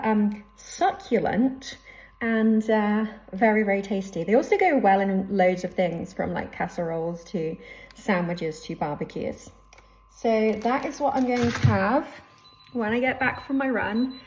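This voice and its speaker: A woman's voice: mid-range voice, darkish tone, slight background noise, low-quality recording. A middle-aged woman chatting casually to camera as a vlogger, recorded indoors in her kitchen at home. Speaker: running vlogger. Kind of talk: casual vlog talk to camera.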